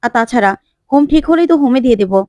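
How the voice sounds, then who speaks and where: A woman's voice: a little high, expressive, rapid-fire, darkish tone, no echo, studio quality, lightly acted. A woman voicing a stern, protective man of the house who lectures firmly.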